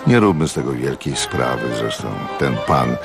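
A man voicing a gentle, indulgent husband with a soothing, patient manner in a radio audiobook reading. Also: very deep voice, animated, moderate pace, music in the background, voice pushed down.

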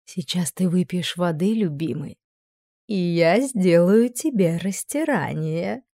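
A woman's voice: medium pitch, normal speed, darkish tone, no echo, clean studio sound, voice pushed up, lightly acted. A woman voicing a commanding, doting queen who schemes with her husband, speaking firm and clipped. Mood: tender.

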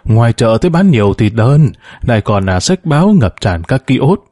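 A man voicing a calm, hopeful older family head who talks in a matter-of-fact way in a spoken story. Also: medium pitch, normal speed, no room sound, studio quality.

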